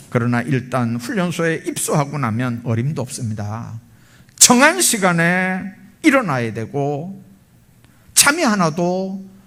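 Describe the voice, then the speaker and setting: A middle-aged male pastor telling a story and exhorting his congregation in a sermon. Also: on the high side.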